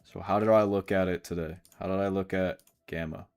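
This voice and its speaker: A man's voice: low-pitched, steady tone, fairly quick, a little mellow, faint music behind. A man streaming live day trading, casually explaining charts and answering questions from chat.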